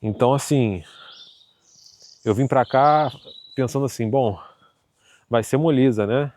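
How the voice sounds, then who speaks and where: At a measured pace and in a mid-range voice, a Carioca man from Rio de Janeiro talks to his viewers in a casual vlog monologue. He's relaxed and chatty, with lots of fillers and tag questions.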